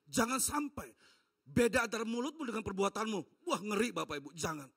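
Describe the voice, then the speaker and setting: A man preaching a sermon as a pastor, dramatic, with rhetorical questions put to the congregation and sudden drops to a soft low voice. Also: animated, brisk, husky. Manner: dramatic, shifting from loud exhortation to low soft-spoken voicing of God. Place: church.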